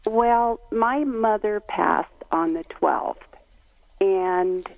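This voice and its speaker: A woman calling in to a radio show, speaking hesitantly with halting pauses. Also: medium pitch, vocal fry, dry recording. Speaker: caller. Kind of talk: phone-in call. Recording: tinny phone line.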